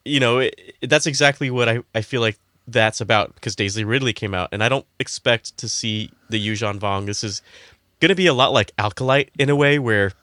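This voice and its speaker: A man's voice: on the low side, fairly bright tone, no room sound. A man co-hosting a casual podcast, thinking aloud hesitantly with many fillers. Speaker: podcast co-host. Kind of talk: casual fan podcast chat.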